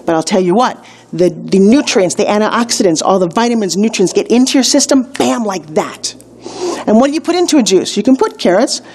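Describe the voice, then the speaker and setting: A middle-aged woman teaching a casual video lesson, chatty and playful, with quick asides and bursts of enthusiasm. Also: mid-range voice, darkish tone. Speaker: wellness instructor.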